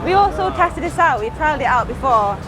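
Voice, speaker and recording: A woman's voice: sits high, lively intonation, brisk, a crowd in the background. A woman presenting a casual travel and food vlog, talking chattily and directly to her viewers. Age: adult, a mother. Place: on location in busy streets and shops. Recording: music behind, outdoor street sounds. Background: music, traffic and urban sounds.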